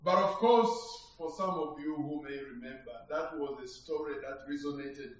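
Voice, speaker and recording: A man from Uganda preaching a sermon, slow and reflective, building in emphasis. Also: fairly high pitch. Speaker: guest preacher. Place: church hall. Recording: echoey hall from far off, dull.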